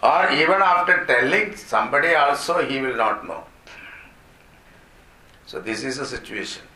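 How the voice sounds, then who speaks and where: A man's voice: mid-range voice, lively intonation, moderate pace, bright, forceful tone. A man with an Indian accent giving an explanatory Vedanta discourse as a spiritual teacher, repeating and glossing Sanskrit terms. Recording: roomy echo, faint background noise.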